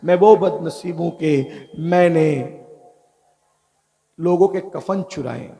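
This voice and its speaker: A man's voice: a little high, slow pace, gravelly, mellow. A man voicing a remorseful young male sinner who pleads and repeats his confession in a sermon story. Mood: confessing.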